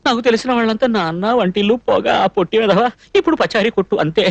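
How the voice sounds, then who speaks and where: A man's voice: high-pitched, fast, no echo, dull audio. An actor playing a shy, naive young man in a dubbed comedy film scene, talking in a flustered, rambling way. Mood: pleading.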